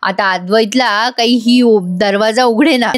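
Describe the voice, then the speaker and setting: A woman narrates a voice-over recap of a TV serial episode. She retells the scenes in a chatty way and speaks straight to the viewers. Her voice sits fairly high. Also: fairly even intonation, a little slow, dry recording, clean studio sound. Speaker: TV serial reviewer.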